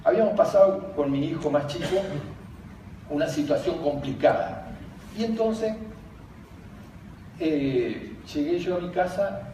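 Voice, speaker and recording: A man's voice: fairly high pitch, expressive, measured pace, pauses often, dark tone. An older man with an Argentine Spanish accent gives a conference talk. He tells funny stories and laughs as he speaks. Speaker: speaker on emotional education, former teacher. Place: large conference hall. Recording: very echoey hall, distant, background noise.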